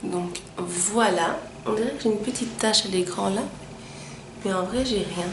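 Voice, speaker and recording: A young woman chatting her way through a makeup tutorial, pausing often with little fillers as she explains each step. Her voice bounces around a roomy, echoey space, with a faint hum of ambient noise underneath. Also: mid-range voice. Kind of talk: casual makeup tutorial narration.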